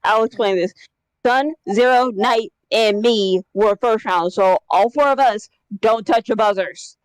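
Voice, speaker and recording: A woman's voice: on the high side, unhurried, clean tone, no room sound, low-quality recording. A woman on a voice call during an online quiz game, plainly explaining how the teams take turns. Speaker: quiz contestant. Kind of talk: casual chat on a voice call.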